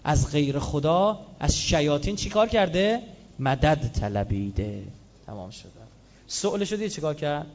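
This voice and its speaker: A man delivering a lively religious sermon, switching between recited scripture and casual, joking asides. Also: fairly high pitch, slight background noise. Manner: animated, with Quranic quotes and colloquial asides. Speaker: religious speaker. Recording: slightly dull lo-fi sound.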